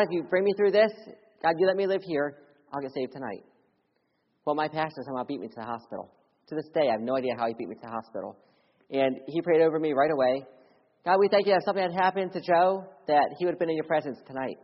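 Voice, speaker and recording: Preaching in a church sanctuary, a young Philadelphia missionary blends his own testimony with earnest appeals. His voice climbs loud and urgent, then sinks to hushed lows, captured on dull audio with a long church reverb.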